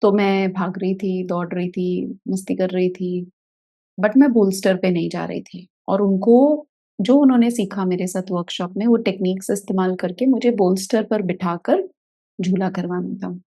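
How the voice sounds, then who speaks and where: Mellow-voiced woman therapist telling a story. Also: medium pitch, normal speed. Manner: animated storyteller who acts out scenes. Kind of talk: casual video talk, telling a story from a workshop.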